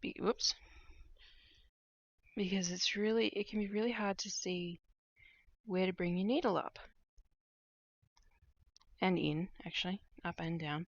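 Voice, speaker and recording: A woman's voice: lowish voice, dry recording, dull audio. A woman chatting casually on a live stream while she stitches at home at night, thinking aloud with lots of fillers, her voice getting a little worn. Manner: relaxed, unhurried, thinking aloud with many fillers. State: starting to lose her voice.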